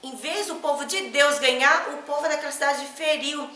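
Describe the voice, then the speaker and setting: A woman's voice: high voice, normal speed, reverberant, recorded from a distance. A woman with a Brazilian Portuguese accent, teaching children a Bible lesson as a story and asking them questions as she goes. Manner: animated, asks the children questions.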